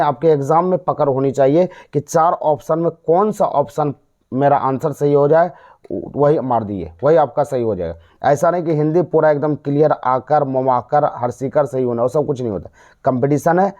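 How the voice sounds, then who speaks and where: Dull lo-fi audio captures a Bihari Hindi-accented man from India running an exam mnemonic lesson on general knowledge. With a high-ish, darkish voice, he repeats and quizzes in a drilling call-and-response manner.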